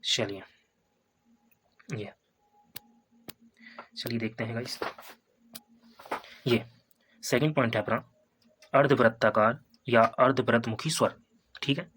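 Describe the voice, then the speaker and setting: A man teaching a Hindi grammar lesson for exam preparation. He repeats each point, sounds out vowels slowly as examples, and keeps checking in with "है ना" and "ठीक है". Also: mid-range voice, fairly bright tone, husky. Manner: repetitive, explains step by step with tags like "है ना" and "ठीक है".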